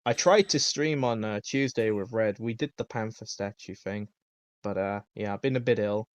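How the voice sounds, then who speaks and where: A man co-hosting a livestream podcast, hoarse from a week of illness, easygoing and laughing often. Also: lowish voice, moderate pace, dry recording. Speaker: podcast co-host. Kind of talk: casual livestream chat.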